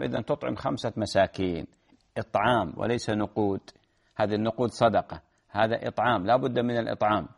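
A man's voice: fairly low pitch, creaky. A man, a religious scholar giving earnest advice in answer to listeners' questions. He repeats phrases and restarts words as he explains.

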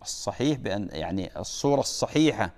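A man's voice: lowish voice, lively intonation, fast talker, darkish tone. Guy preaching, emphatic, drills how to say things right, lots of hall reverb. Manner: emphatic, correcting and drilling pronunciation. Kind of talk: religious lesson. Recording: long reverb of a large hall.

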